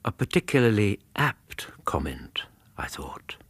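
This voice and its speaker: Earnest English doctor, expressive intonation. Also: male voice, lowish voice, unhurried, slightly rough, heavily acted. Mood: reflective narration. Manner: gentlemanly, earnest. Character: loyal, decent, indignant Victorian English doctor, detective's companion. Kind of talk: radio drama acting and narration.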